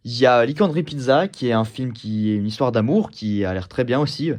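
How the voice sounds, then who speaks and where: A man breaking in with a casual, informal aside to his viewers, listing films in quick succession. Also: mid-range voice, animated, darkish tone. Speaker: film reviewer.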